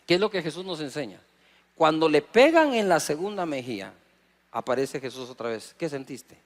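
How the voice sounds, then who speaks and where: High-voiced Guatemalan pastor preaching. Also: male voice, moderate pace. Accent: Guatemalan Spanish. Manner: lively preaching with acted dialogue and audience prompts. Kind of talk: sermon.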